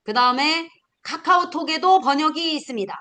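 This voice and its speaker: A middle-aged woman teaching a class of future smartphone instructors, animated, acting out learners and firing off questions. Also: high-pitched, moderate pace. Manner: animated, acts out learners and scolding, punchy questions. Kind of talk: lively classroom lecture.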